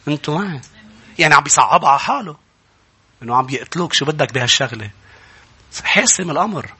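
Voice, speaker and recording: A pastor preaching a sermon in a Lebanese Arabic accent, rising from quiet storytelling to loud, impassioned shouts. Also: male voice, on the high side, animated, fast, slightly rough.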